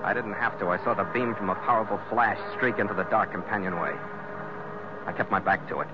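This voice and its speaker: An actor playing a tough, terse ship's skipper in a hard-boiled 1940s radio style. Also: male voice, on the low side, brisk, over loud music, natural voice. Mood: grim, measured. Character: tough, weary, decisive male ship's skipper. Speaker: lead actor and narrator. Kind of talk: 1940s radio acting with first-person narration. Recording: muffled, very noisy old radio recording.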